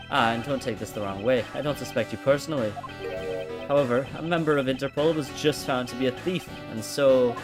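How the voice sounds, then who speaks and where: A man's voice: mid-range voice, close to an everyday voice. A man voicing a polite but firm middle-aged male ambassador with a formal manner, over game music.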